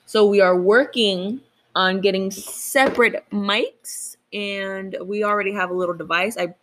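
A woman's voice: mid-range voice, fairly even intonation, measured pace, a bit bright, a little hiss or hum, rough recording. A young woman co-hosting a casual podcast, chatty and self-deprecating, swearing freely. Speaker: podcast co-host.

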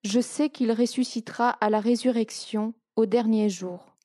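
A woman voicing a grieving, faithful woman in a soft, earnest reading. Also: a little high, fairly even intonation, moderate pace, no room sound, clean studio sound, close to an everyday voice.

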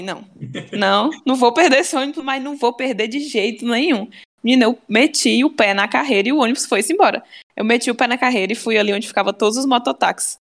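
A young woman with a Cearense Brazilian accent, telling a story in casual chat and acting out the dialogue. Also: fairly high pitch. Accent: Cearense Brazilian Portuguese. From Ceará, Brazil. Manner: animated, acts out dialogue, fast. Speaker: storyteller guest.

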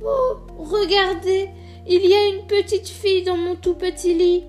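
A woman's voice: very high voice, steady tone, a little slow, a little mellow, faint music behind, pitched above the performer's own voice. A woman voicing a tiny bear cub with a piercing, wailing voice, reading a storybook aloud.

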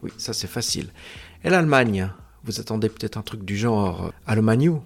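A man teaching a recorded language lesson, patiently explaining and breaking sounds down slowly. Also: lowish voice, lively intonation, vocal fry, breathy edge.

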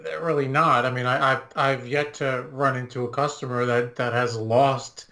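Halting male podcast co-host. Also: mid-range voice, steady tone, pushed and bright. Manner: halting, restarts words often. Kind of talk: casual podcast discussion.

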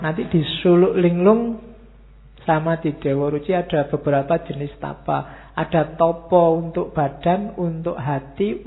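Guy teaching philosophy to a class, bit high voice, jokes around, sounds like over a phone. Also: narrow, tinny audio. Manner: relaxed, joking, speaks to the class as "kalian". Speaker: religious teacher. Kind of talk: philosophy study talk.

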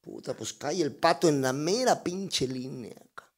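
A man's voice: fairly high pitch, moderate pace. Playful slangy male joke-teller. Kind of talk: casual joke-telling chat.

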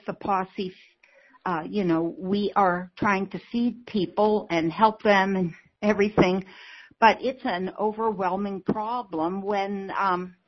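A woman calling in over a telephone to ask a question, speaking plainly and hesitantly. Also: medium pitch. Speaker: caller, homeless outreach volunteer. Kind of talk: call-in question, plain personal talk. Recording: dull, lo-fi telephone line.

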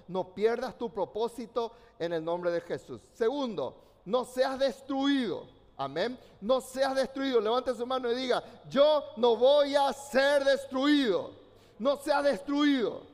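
A man's voice: extremely high pitch, darkish tone. A man preaching a fervent sermon as a pastor, commanding the congregation to respond. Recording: long reverb in a large hall.

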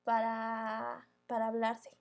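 A woman's voice: a little high, monotone, slow pace, creaky. A young woman with a Mexican Spanish accent chatting casually on a podcast, blunt and full of slang and swearing. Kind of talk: casual chat.

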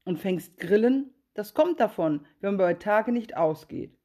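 A woman's voice: mid-range voice, animated, unhurried, dark tone. A woman voicing a sly, greedy female cat who sweet-talks in a fairy-tale reading. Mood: coaxing. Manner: sweet-talking, coaxing, then curt.

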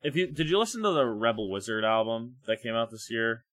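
Bright-voiced man, wry casual chat. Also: mid-range voice, a little fast. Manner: relaxed, wry, filler-heavy. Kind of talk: casual music review chat.

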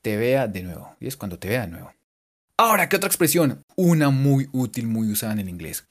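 A man giving a casual, joking English lesson and repeating English words slowly for his students. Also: medium pitch, sing-song. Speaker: English teacher. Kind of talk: casual bilingual language lesson.

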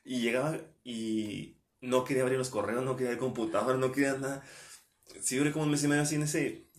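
A young man with a Mexican accent talks through a personal story in casual podcast chat. He slips into the voices of the people he quotes. His voice sits in a mid pitch, and the room adds a noticeable echo. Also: flat delivery, fast. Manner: chatty storytelling, acts out quotes. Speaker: podcast host.

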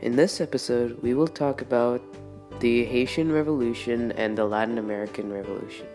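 A man delivers a short scripted introduction for a lecture series. His voice sits at a medium pitch, with plucked guitar music playing behind it. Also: fairly quick, darkish tone. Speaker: lecturer introducing a recorded episode.

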